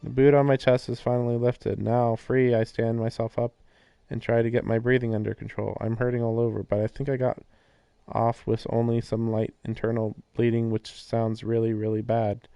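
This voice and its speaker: A man streams a visual novel live, reading the on-screen text aloud and tossing in casual, questioning remarks over game music. His mid-range voice is level, creaky, mellow, clear and resonant, at a normal speed. The recording is dry.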